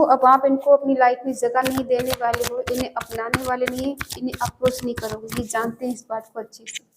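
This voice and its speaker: A woman with a high voice gives a collective tarot love reading. She talks earnestly and repeats herself, often checking in with the listener as she goes. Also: background noise. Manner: earnest, repetitive, often asks "ठीक है". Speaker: tarot reader.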